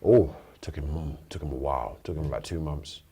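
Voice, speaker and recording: UK rapper guest, deep voice, rambling and reflective, relaxed studio chat. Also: male voice, a little fast, husky. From United Kingdom. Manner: thoughtful, rambling with restarts. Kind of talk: casual interview chat. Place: radio studio.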